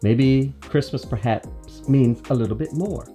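A woman's voice: very deep voice, measured pace, warm tone, soft background music. A woman reading out trivia questions as quizmaster, matter-of-fact and lightly teasing.

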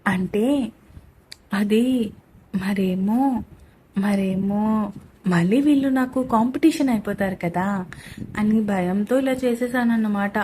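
A woman voicing a mischievous, sulky young bride who talks in a quick, whiny, hesitant way. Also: medium pitch, warm tone, slight background noise, close to an everyday voice.

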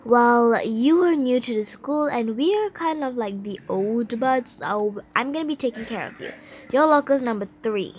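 A woman's voice: on the high side, expressive, moderate pace, slight background noise, close to an everyday voice. A woman voicing a snooty, mocking schoolgirl bully in a toy role-play. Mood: bossy. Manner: mocking, dismissive.

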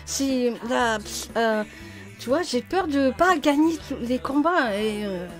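Game role-play part: woman playing tipsy, joyful female boxer, extremely high voice, lisped s, animated delivery, faint music. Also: takes it slowly. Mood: hesitant, hopeful. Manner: lisps, saying sh-like sounds for s.

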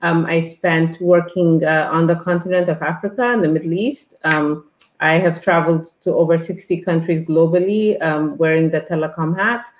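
Speaking over an earbud headset on a video call, this middle-aged woman from Ethiopia is an online interview guest whose talk is full of fillers and restarts. She has a deep voice with fairly even intonation at a moderate pace, in an echoey room.

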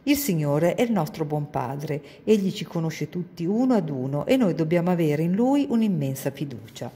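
A kind, comforting older woman from a storybook, as a woman reading aloud puts her on, low-pitched and mellow. She speaks soothingly and patiently, and a long reverb lingers in the room. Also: big pitch swings, normal speed. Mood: gentle.

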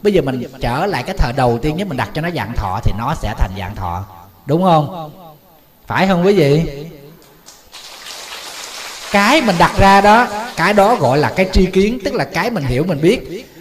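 A man, a Buddhist monk giving a sermon in a folksy way, often asking the audience questions. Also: a little high.

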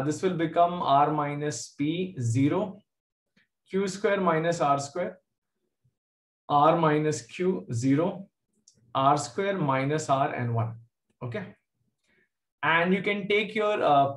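South indian guy teaching maths online, high voice, chatty and asks questions a lot, echoey room. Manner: informal, questioning, addresses students by name. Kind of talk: live online maths lesson. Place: indoor room, online class from a computer.

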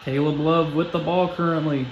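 Young guy doing casual play-by-play over a video game, short clipped calls, kinda high voice, roomy echo. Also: little pitch movement, highs cut off, soft background music. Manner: quick clipped play-by-play phrases. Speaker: youtuber commentating a game simulation.

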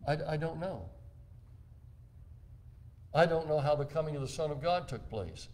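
Older pastor preaching slowly and deliberately. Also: male voice, a little high, lively intonation, a little mellow. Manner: measured, deliberate preaching with slow emphatic phrases. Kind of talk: sermon. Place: church.

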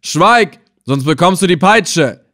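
A man voicing a cruel, scornful male slave trader in an audiobook, threatening and loud. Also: medium pitch, animated, unhurried, close to an everyday voice. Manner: sneering, threatening. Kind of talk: audiobook character voice.

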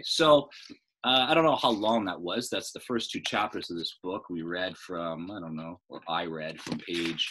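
Poor audio with a faint hiss or hum captures a middle-aged American man reading a story like a teacher. His low, slightly bright voice is expressive, and he pauses for casual, explanatory lesson asides.

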